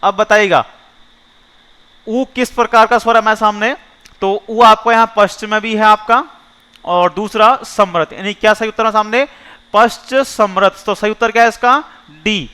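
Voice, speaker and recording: Man, exam-prep teacher, bright tone, smooth clear voice, repeats questions, drags out the answer options. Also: high-pitched, steady tone. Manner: repeats each question and asks listeners before giving the answer; slows down to spell out options, speeds up when asking. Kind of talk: mock test walkthrough lesson.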